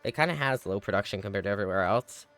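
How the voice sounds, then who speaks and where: A man's voice: fairly low pitch, lively intonation, very fast, a bit bright, faint music behind. A man streaming a strategy game, chatting casually with his viewers and thinking aloud with frequent exclamations, sounding a little tired. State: yawning, tired. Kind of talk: casual live gameplay commentary.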